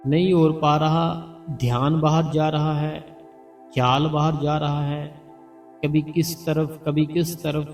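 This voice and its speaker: A man giving spiritual meditation guidance in a slow, repetitive, coaxing way, softly chanting names as he teaches. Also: fairly high pitch. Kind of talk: devotional guidance talk. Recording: heard from a distance over background music.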